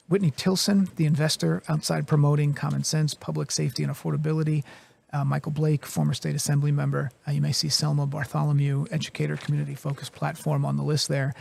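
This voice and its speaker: A man's voice: fairly high pitch, gravelly, a little mellow, slightly rough. A middle-aged male news reporter hosting a live newsroom stream, explaining results in a loose, conversational way with frequent fillers and restarts.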